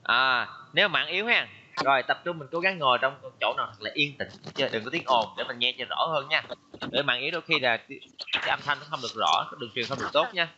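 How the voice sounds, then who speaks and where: A male English teacher leads an online language class, patiently drilling vocabulary and repeating words for his pupils. His mid-range voice moves at a quick pace and sounds pushed and bright. The audio is dull, lo-fi and noisy.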